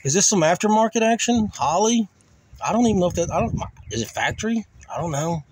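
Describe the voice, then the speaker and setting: A man with a high-pitched, darkish voice and a breathy edge talks briskly with lively intonation. He hosts a car crushing vlog, taking a rambling walk around an outdoor junkyard and chatting in a casual, folksy way, half to himself. The handheld phone or camera audio is dry and poor, with faint outdoor noise and an operator behind the device.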